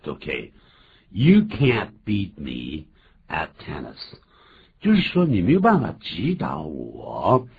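A low-voiced man hosts a radio language lesson, his pitch swinging widely as he explains with emphatic, teacherly energy. The sound is thin and phone-like, with a faint hiss underneath. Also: wildly swooping pitch, takes it slowly, gravelly. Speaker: radio English lesson host. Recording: tinny phone-like band, faint noise.

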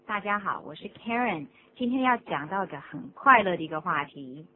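A woman co-teaching a radio English lesson, reading model sentences clearly and repeating each. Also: on the low side, lively intonation, moderate pace. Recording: tinny phone-like radio recording with faint hum.

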